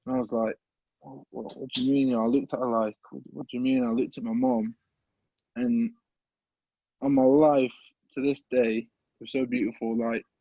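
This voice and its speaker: A young man from the Midlands, a podcast guest telling an emotional personal story, halting and repeating words as he holds back tears. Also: mid-range voice, dry recording, highs cut off. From English Midlands.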